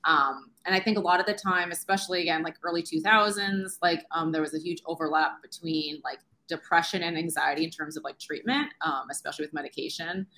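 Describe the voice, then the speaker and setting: A woman in her thirties talks openly as an interview guest, in a lowish voice with a bright, forceful edge. She is chatty and earnest and leans on "like" through nearly every sentence. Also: fairly even intonation, brisk, few pauses. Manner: chatty, uses "like" constantly, earnest. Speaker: guest, science teacher. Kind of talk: candid interview talk.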